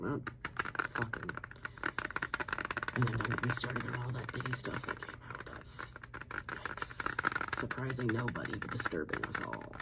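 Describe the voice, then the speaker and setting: A person giving a soft-spoken, casual ASMR show-and-tell, rambling and swearing freely, often slipping into a whisper. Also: mid-range voice. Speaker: ASMR video creator. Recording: lo-fi, loud noise, clicking and tapping. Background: tapping, scratching and clicks.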